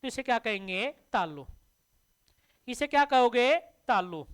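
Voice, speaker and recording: A woman's voice: fairly high pitch, lively intonation, unhurried, smooth. A woman teaching a classroom grammar lesson, asking the class questions and answering them herself to drill the terms. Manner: addresses listeners as dear children.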